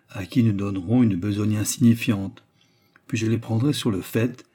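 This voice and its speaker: Man doing cold villainous baronet, calm and lecturing, low dark husky voice, audiobook. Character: scheming calm menacing male baronet villain. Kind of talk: audiobook character reading.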